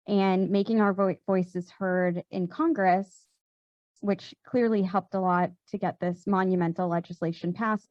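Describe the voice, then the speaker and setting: A woman's voice: fairly low pitch, darkish tone, no room sound, dull audio. A woman answering on a panel discussion, talking conversationally with many fillers and restarts. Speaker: panelist, gun safety volunteer. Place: event hall.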